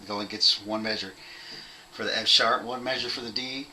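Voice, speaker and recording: A young man casually teaching a bass part at home, rambling, apologizing and laughing at himself as he counts out beats. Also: fairly even intonation, fairly quick, a crowd in the background, poor audio. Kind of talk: casual home video lesson.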